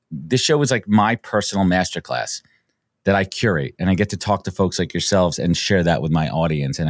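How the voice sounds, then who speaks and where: A man hosting a podcast interview, eager and chatty, often repeating words as he gets excited. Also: deep voice, no echo, clean studio sound. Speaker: podcast host. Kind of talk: enthusiastic interview chat.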